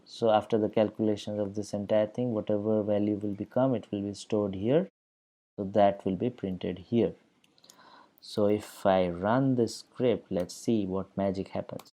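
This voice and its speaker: A man teaching a programming lesson over a screen recording, explaining patiently step by step with many pauses and fillers. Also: lowish voice, mellow. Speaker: instructor.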